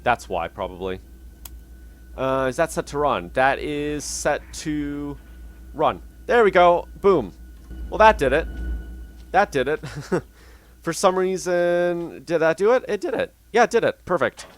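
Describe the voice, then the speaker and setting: A man's voice: fairly high pitch, lively intonation, a little slow. A man hosting casual gameplay commentary on a train simulator, chatting, thinking aloud and talking to his train while he has the hiccups. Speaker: gaming channel host.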